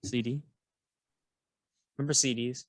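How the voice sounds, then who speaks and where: A man's voice: medium pitch, little pitch movement, a little slow, dry recording. A man teaching math alongside a colleague, playful and jokey, guiding with questions. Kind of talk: co-teaching a lesson, casual banter.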